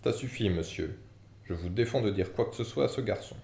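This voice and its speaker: A man's voice: lowish voice, fairly quick, creaky, warm tone. A man voicing a blustering, panicky middle-aged uncle who gives sputtering orders, in an audiobook reading with character voices. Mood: panicked. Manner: sputtering, commanding. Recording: echoey room, faint background noise.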